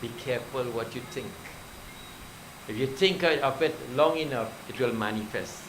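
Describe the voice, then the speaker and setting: A man's voice: medium pitch, moderate pace, background noise. A male pundit preaching a devotional sermon, telling scripture stories and exhorting the devotees. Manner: exhorting, storytelling, addresses devotees.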